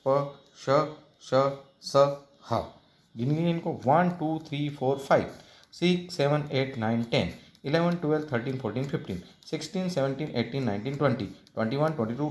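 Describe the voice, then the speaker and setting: A man teaching a children's grammar lesson, asking questions and answering them himself, spelling words out slowly and mixing in English words. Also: mid-range voice, darkish tone. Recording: echoey room.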